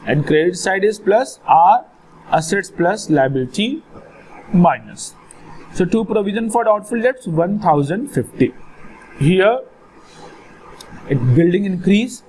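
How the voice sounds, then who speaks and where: A man with a North Indian accent teaches a lesson in a somewhat high voice. He repeats key phrases and checks in with questions, slipping in Hindi words. There is some noise behind him. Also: a little mellow. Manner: repeats phrases, addresses student affectionately, mixes in Hindi words. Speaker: accountancy teacher. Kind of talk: instructional lesson with call-and-response questions. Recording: clearly noisy background.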